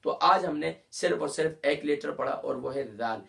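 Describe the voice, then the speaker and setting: A man teaching a Ramadan tajweed lesson. He explains letter sounds, then recites verses slowly with long drawn-out vowels. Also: fairly high pitch, gravelly, fairly bright tone.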